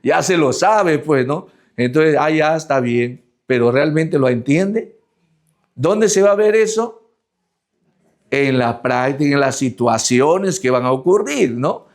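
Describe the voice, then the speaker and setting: Middle-aged male pastor, slightly higher voice, chatty sermon delivery, checks in with the room, stretches out scripture readings. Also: lively intonation. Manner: conversational preaching, constant "¿no?" tags, slowed emphatic scripture reading.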